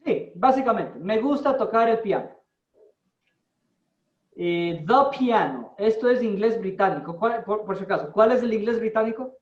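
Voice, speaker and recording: A man's voice: high-pitched, expressive. Man teaching, far off in an echoey room. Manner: slow, deliberate explaining, checks in with students. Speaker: English teacher. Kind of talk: classroom teaching in Spanish. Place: classroom with students. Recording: distant, roomy, dull-sounding.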